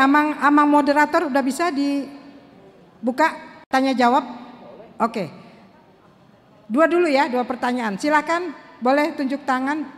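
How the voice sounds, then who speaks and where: A woman emceeing the Q&A at a church talk, chatty and informal as she calls on the audience. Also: high-pitched. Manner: chatty and informal, addressing people as Amang and Inang. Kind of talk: emceeing a Q&A session. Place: church hall. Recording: long hall reverb.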